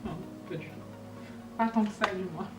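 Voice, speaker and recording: A woman's voice: mid-range voice, moderate pace, recorded from a distance. A young woman chatting casually as she unboxes makeup for her vlog and talks to the products. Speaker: beauty vlogger. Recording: echoey room, voice a bit off-mic, faint music.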